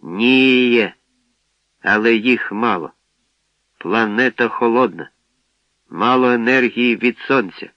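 A man voicing a calm male ship robot that speaks in a measured, clipped, businesslike monotone. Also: medium pitch, no echo, natural voice. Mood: flat calm. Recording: dry, dull lo-fi recording.

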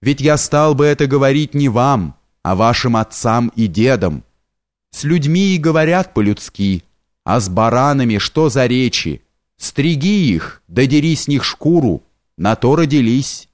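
A menacing stranger, put on by a male narrator who drawls his contempt at simple folk. The voice stays calm and unhurried, the disdain sitting in every slow word. Mid-pitched and dry, heard up close. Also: no room sound, lightly acted. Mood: scornful.

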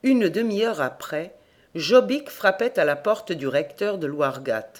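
Steady audiobook narrator of a folk tale. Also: medium pitch, measured pace. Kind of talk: scripted narration.

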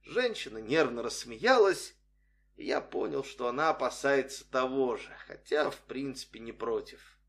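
Wry male storyteller with lively intonation. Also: medium pitch, normal speed, creaky. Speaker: audiobook reader. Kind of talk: scripted narration of a humorous story.

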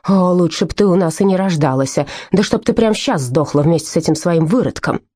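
Woman reader doing a crude, scolding middle-aged mother; low, husky, dry audiobook read. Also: expressive, a little fast, dark tone, no room sound. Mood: furious. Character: coarse, scheming working-class mother, middle-aged. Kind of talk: audiobook character voice.

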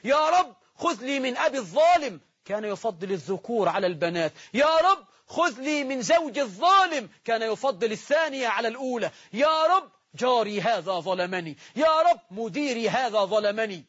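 An Egyptian man voicing wronged people who shout their complaints and plead for justice, in a husky voice on a dull recording. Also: very high voice, very animated, brisk, hardly any pauses, pitched above the performer's own voice, exaggerated voice.

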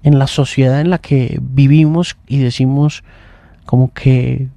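A man's voice: mid-range voice, steady tone, a little slow, creaky, warm tone, no room sound. A man hosting a morning radio show, musing aloud in long thoughtful runs with restarts. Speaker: radio host. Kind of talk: casual morning radio chat. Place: radio studio.

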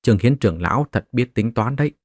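A man's voice: medium pitch, expressive, fast talker, no room sound, clean studio sound. A man narrating a martial-arts novel as a scripted audiobook, voicing the characters in his own voice.

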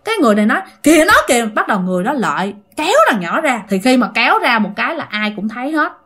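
Brief: casual Southern Vietnamese woman storyteller, high-ish and animated, talks to listeners. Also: rapid-fire, slightly rough. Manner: chatty, addresses listeners directly. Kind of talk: casual ghost-story telling.

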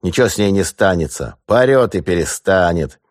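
A man's voice: sits low, lively intonation, moderate pace, no echo, clean studio sound. A man doing a brash, brutish revolutionary sailor. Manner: brash, loud and crude. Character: rough, greedy male revolutionary sailor looter.

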